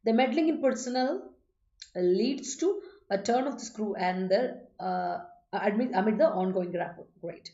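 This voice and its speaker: A woman with a Malayali accent teaches an English class online, switching between English and Malayalam. She reads student sentences slowly and rushes through course announcements. The room sounds roomy and the audio is a little dull. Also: fairly high pitch, animated, warm tone.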